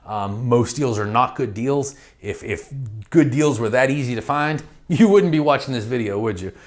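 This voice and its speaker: Middle-aged guy teaching real estate deals, straight-talking, acts out calls, mid-pitch voice. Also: lively intonation, normal speed. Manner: direct, conversational, acts out phone calls. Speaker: real estate investing instructor. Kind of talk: training lecture.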